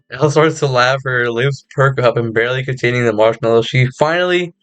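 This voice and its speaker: A man's voice: mid-range voice, a little fast, a bit bright, clear, resonant tone, no room sound, soft background music. A man streaming a game, reading its narration aloud with giggles and stumbles. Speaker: gaming streamer.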